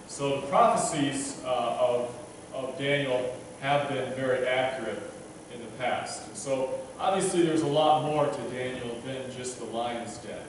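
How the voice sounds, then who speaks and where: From a church pulpit, a thirty-something preacher speaks casually and self-deprecatingly, his talk full of fillers, restarts and the odd stumble. He is unhurried, with few pauses, in a medium-pitched voice. Picked up by the pulpit mic and filmed from a far-off camera, the echoey sound carries a little hiss or hum.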